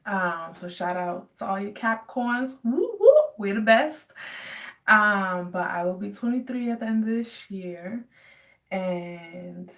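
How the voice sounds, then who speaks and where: A woman's voice: mid-range voice, animated, takes it slowly, recorded from a distance. A woman in her twenties from the United States chatting casually in a home Q&A vlog, rambling with many fillers. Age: 20s. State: dry throat. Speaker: vlogger.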